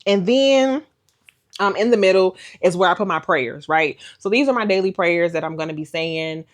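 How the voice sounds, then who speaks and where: Chatty woman with a low voice. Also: moderate pace. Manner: chatty, expressive, acts out quoted voices with big pitch jumps; folksy, faith-filled, calls viewers honey and baby. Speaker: vlogger. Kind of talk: casual talk to camera.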